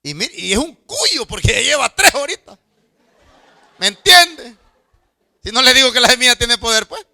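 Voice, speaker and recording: A middle-aged man preaching a storytelling sermon as a pastor, swinging from loud outbursts to hushed asides and stammering repetitions. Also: extremely high pitch, big pitch swings, fast talker, creaky, few pauses, no echo, clean studio sound. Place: church.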